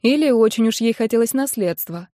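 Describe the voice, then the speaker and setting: A woman narrating a first-person audiobook in a lively storytelling manner. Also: fairly high pitch, fairly quick, no echo. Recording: dry close-miked audiobook.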